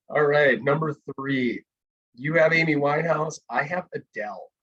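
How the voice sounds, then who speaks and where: Guy cohosting a podcast over a video call, jokey and animated, kinda husky. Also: fairly high pitch, unhurried, dull audio. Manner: animated, laughs often, joking. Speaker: podcast co-host. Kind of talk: casual chat.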